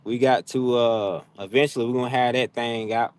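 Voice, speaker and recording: A man's voice: medium pitch, fairly even intonation, normal speed, smooth. A man in his fifties chatting casually on a livestream, rambling and laid-back with many fillers. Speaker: livestream host.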